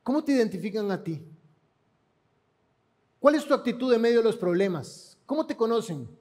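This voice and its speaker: A man's voice: very high voice, big pitch swings, normal speed, darkish tone. A man with a Panamanian accent preaching a sermon, retelling scripture dramatically and asking the congregation rhetorical questions. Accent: Panamanian Spanish.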